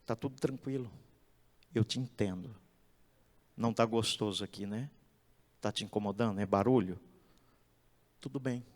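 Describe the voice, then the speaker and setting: A patient parent speaks in a hushed, low, tender voice, as a preacher puts it on. The words come slowly and soothingly. A long reverb hangs in the church hall. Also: male voice, natural voice. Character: gentle patient comforting parent, adult.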